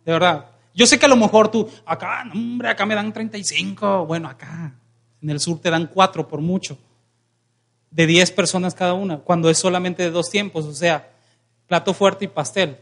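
A man's voice: a little high, moderate pace. A young man with a Mexican Spanish accent preaching a sermon as pastor, joking and calling on the congregation to answer him. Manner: lively, joking preacher who calls for congregation responses.

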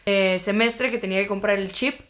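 A woman's voice: medium pitch, steady tone, brisk, a bit bright. A young woman from Guatemala, a podcast guest telling stories in a rambling, chatty way full of filler words. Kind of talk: casual interview chat.

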